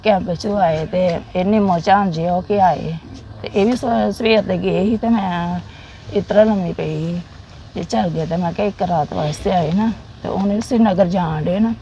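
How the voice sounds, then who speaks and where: A middle-aged woman with a Punjabi accent from the Jammu region, a soldier's widow recounting memories in a plain, halting way with repeated phrases. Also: lowish voice, dark tone, lo-fi sound, a little hiss or hum.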